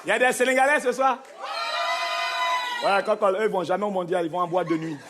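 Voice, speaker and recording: On a large theater stage before a live audience, a high-pitched male stand-up comedian performs an animated, playful set, bantering with the crowd and slipping into mock accents. It's a live concert recording, with audience laughter and noise in the background.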